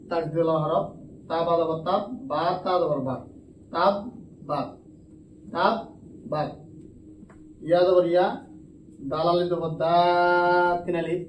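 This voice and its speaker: A man with a Bangladeshi Bengali accent teaching Quran reading, spelling out letters and vowel marks slowly in a drawn-out, melodic way. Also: on the high side, a little mellow, a little hiss or hum. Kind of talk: spelling-out recitation lesson. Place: madrasa classroom. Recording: echoey room, mic at a distance, faint background ambience.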